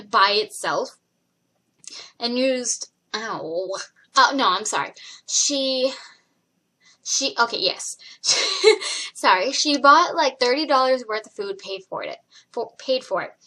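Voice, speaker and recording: A young woman vlogging about her day with a bright, forceful edge to her voice and a pitch that sits a bit high. She tells a story about rude customers and acts out each back-and-forth as she goes. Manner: animated retelling of work customers, acting out both sides. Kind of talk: casual storytelling vlog.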